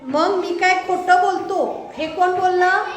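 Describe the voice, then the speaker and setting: A very high-pitched woman teaches a live class and keeps asking her pupils check questions as she goes. Her voice rings around a roomy, echoey classroom. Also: steady tone, slow pace, soft background music. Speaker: schoolteacher. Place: school classroom with pupils present.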